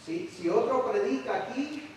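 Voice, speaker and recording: A man's voice: very high-pitched, lively intonation, normal speed, a little hiss or hum. A man preaching a conversational sermon in a church, restarting his phrases often. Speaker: pastor. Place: church sanctuary. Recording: echoey church hall from far off.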